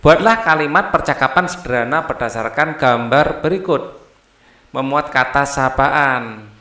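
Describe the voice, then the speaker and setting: A man's voice: medium pitch, measured pace, bright, forceful tone, echoey room. A man teaching a primary school lesson, reading textbook dialogues aloud and acting out the children's lines.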